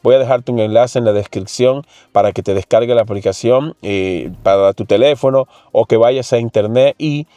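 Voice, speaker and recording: A man's voice: medium pitch, moderate pace, hardly any pauses, dark tone, dry recording. A man hosting a casual tech channel, chatting straight to viewers while demonstrating on his phone. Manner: chatty, addresses the viewer directly with frequent fillers.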